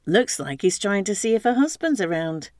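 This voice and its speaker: A woman's voice: mid-range voice, sing-song, normal speed, darkish tone, dry recording, close to an everyday voice. A woman voicing a tipsy young man who teases a stranger at a bar, in a told story. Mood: joking. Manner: teasing, jokey.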